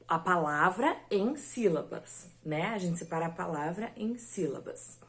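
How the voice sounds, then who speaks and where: Woman teacher, unhurried, patient with young pupils, draws words out slowly. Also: mid-range voice. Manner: slow, patient, stretches words syllable by syllable. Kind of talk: recorded lesson for children.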